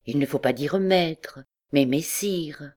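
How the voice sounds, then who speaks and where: A woman's voice: low-pitched, a little mellow. A woman reading an audiobook, voicing a primly dressed young townswoman who corrects her friend and speaks impetuously. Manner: bossy, quick.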